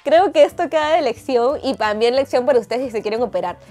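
Female vlogger, Peruvian Spanish accent, slightly high pitch, lively dramatic delivery, faint music bed. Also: fast. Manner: animated, dramatic retelling with crude slang. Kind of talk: casual storytelling to camera.

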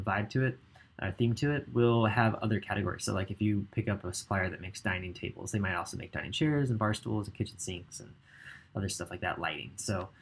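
A man's voice: fairly low pitch, breathy edge. A man in his thirties giving a casual screen-share tutorial at a home desk, thinking aloud with frequent ums as he browses. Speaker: ecommerce coach. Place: indoor home office.

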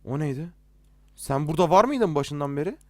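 A man's voice: on the high side, lively intonation, a little fast, darkish tone, no room sound, studio quality. A young man commenting as he plays a horror game, nervous and jittery, joking and swearing at every scare. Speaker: let's play gamer.

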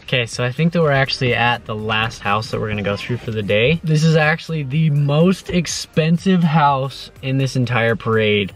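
A man's voice: mid-range voice, moderate pace, few pauses. A young man in his twenties vlogging casually, with a laid-back, matter-of-fact way of talking into a handheld camera. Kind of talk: casual vlog.

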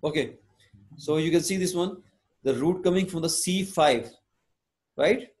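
A male lecturer with a Hindi-Urdu accent of northern South Asia speaks in a slightly high voice. He teaches live, repeating points and often adding short tags to check that students follow. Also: unhurried, darkish tone. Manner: didactic, repetitive, frequent check questions and tags. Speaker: anatomy lecturer. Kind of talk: live online lecture, switching between English and Hindi-Urdu.

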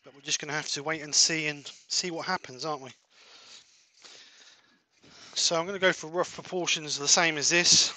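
A man's voice: on the high side, fairly even intonation, normal speed, pauses often, bright, forceful tone, dry recording. A man hosting a casual woodturning livestream from his workshop, chatting and laughing easily while he works at a lathe. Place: home workshop at a wood lathe.

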